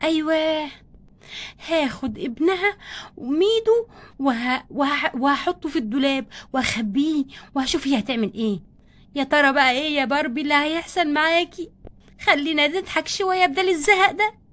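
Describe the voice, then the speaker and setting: A woman's voice: high-pitched, brisk, a bit bright. A woman with an Egyptian accent voicing a mischievous teen girl who plots pranks and mutters to herself in a doll play story. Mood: scheming. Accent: Egyptian Arabic. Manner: plotting, talks to herself.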